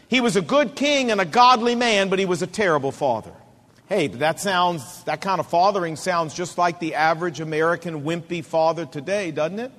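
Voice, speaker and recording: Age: middle-aged. Sex: man. Role: preacher. Style: sermon, emphatic and repetitive, slowing for stress. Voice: high for a man. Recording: long hall reverb. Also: a bit bright. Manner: emphatic, repetitive cadence, slows down to stress points.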